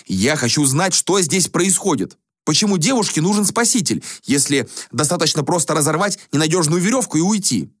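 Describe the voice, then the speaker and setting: A man's voice: on the high side, animated, brisk, hardly any pauses, no echo, pitched above the performer's own voice. A bewildered everyday man, as a narrator puts him on in a storybook reading, blunt and agitated. The voice is only slightly raised above the narration, plain and dry. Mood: irritated. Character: ordinary man in a suit, confused and irritable.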